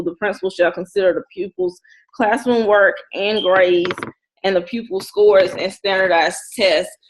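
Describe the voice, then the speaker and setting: A woman's voice: mid-range voice, a little hiss or hum, poor audio. Methodical woman student making points. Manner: methodical, point by point, with frequent ums. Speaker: student in an education course. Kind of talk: class discussion of a case study.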